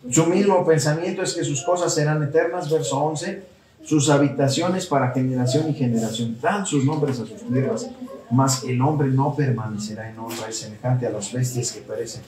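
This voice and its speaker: A man preaches to a gathered audience, questioning them and repeating his phrases for emphasis. He stands away from the mic, so his voice rings through a reverberant room. The murmur of listeners stays clear around him. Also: mid-range voice, normal speed, distant mic, a crowd in the background. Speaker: teacher of a Torah study talk.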